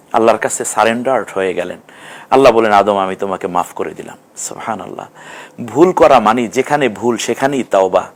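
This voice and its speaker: A man teaching a Quran reading lesson, breaking words into syllables and repeating each sound slowly. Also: mid-range voice. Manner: slow, syllable-by-syllable pronunciation drills. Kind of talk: televised recitation lesson.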